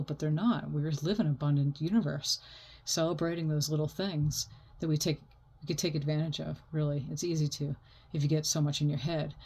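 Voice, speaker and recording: A woman's voice: sits low, darkish tone. A woman giving an unscripted oracle card reading like a fortune teller, talking in a reassuring, spiritual way.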